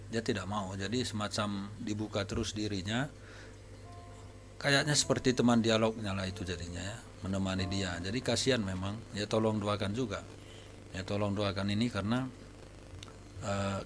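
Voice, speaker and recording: A man preaching to his congregation as a pastor, telling anecdotes from his visits in a relaxed, conversational way. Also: on the low side, a little hiss or hum. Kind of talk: sermon testimony to a congregation. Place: church service.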